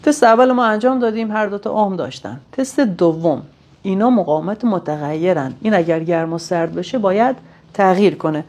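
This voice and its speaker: A woman, working as a technician, demonstrates sensor tests in a practical, hands-on repair tutorial, going one step at a time. She speaks plainly in a medium-pitched, slightly mellow voice, occasionally pausing mid-sentence to think out loud.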